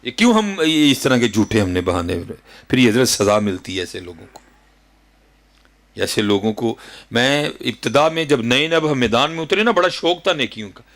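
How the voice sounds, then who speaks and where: A man in his thirties with a Punjabi accent, preaching a sermon with fervent rhetorical questions, sudden leaps in pitch and frequent address to his listeners. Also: sing-song, fairly bright tone. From Pakistan. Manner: keeps addressing listeners as "hazrat ji". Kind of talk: Urdu sermon.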